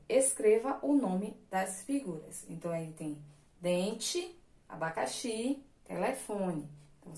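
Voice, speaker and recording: A woman teaches a recorded class in a patient, explanatory way. She checks in often with her students at a middle pitch. The room around her is echoey. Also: warm tone. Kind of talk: recorded online class lesson.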